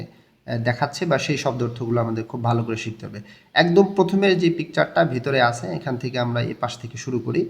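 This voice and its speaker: A man's voice: mid-range voice, vocal fry, darkish tone. A young man with a Bangladeshi Bengali accent teaching a Korean textbook lesson, explaining step by step and repeating key words.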